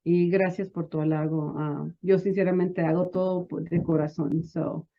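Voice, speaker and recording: Speaking at a moderate pace with a fairly low pitch and fairly even intonation, a woman business advisor chats informally as an interview guest. She occasionally mixes Spanish and English, and the recording has its highs cut off.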